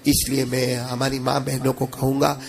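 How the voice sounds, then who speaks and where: A man with a medium-pitched, monotone voice and vocal fry preaches an emotional religious sermon. He rises into chanted passages and addresses the audience directly with questions.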